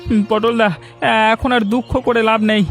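A man voicing an excitable young village sidekick in a cartoon, with a shrill, earnest delivery. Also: moderate pace, faint music behind. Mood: angry. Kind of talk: Bengali cartoon voice acting.

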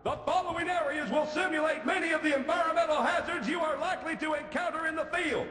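A man playing a gruff, abusive Marine drill instructor in a video game, barking insulting commands. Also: very high-pitched, fast talker, bright, forceful tone, slight background noise. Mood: barking, contemptuous. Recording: echoey hall, some distance away.

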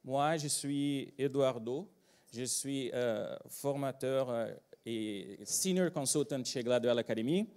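Slow Brazilian man giving a talk. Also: mid-range voice, darkish tone. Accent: Brazilian Portuguese. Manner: hesitant, many fillers and restarts, joking. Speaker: agile trainer and consultant. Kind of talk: conference talk. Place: conference room with live audience.

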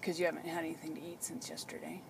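In a noisy recording from a parked car, a woman talks very fast in a low voice with little pitch movement. She is a caregiver filming a patient, chatting casually and explaining things in a simple, reassuring way.

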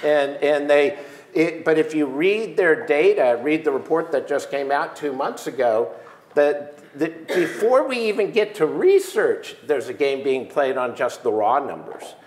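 Seated in an armchair on a stage in a large room, a man in his sixties speaks as a panel guest in a conference keynote conversation. Wearing a lapel mic, he talks emphatically with many restarts. His voice is a little high and sing-song, his pace unhurried, and the sound roomy.

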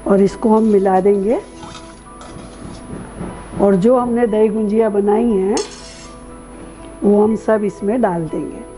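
A middle-aged woman hosting a cooking show, calmly explaining each step of a recipe in detail. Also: mid-range voice, slow pace, long pauses, soft background music, poor audio.

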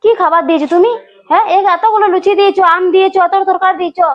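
A rapid, fairly high woman's voice on a dull, lo-fi recording. a woman playing a firm, scolding elder sister in an amateur village comedy drama, with a Manbhum Bengali accent. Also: steady tone. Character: outspoken elder sister scolding her mother. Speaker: elder daughter. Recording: dull lo-fi sound.

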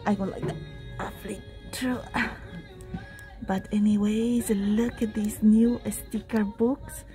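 A woman's voice: mid-range voice, little pitch movement, slow pace, mellow, soft background music. A woman vlogging while shopping in a craft store, chatty and full of delighted exclamations, speaking into a handheld phone. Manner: chatty, non-native English, frequent delighted exclamations. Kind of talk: casual shopping vlog. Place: large craft store aisle, indoors. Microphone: handheld phone camera.

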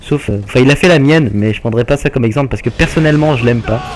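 A man casually commenting on his own gameplay, hesitant with many filler pauses and a laid-back, jokey manner. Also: medium pitch. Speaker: gaming channel host. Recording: game gunfire noise underneath. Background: video game gunfire.

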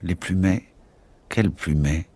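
A man's voice: sits low, slow pace, gravelly, a little mellow, husky, no echo, full character voice. A man reading the lines of an anxious, unsure young lieutenant on night watch in an audiobook, with tense, agitated questions.

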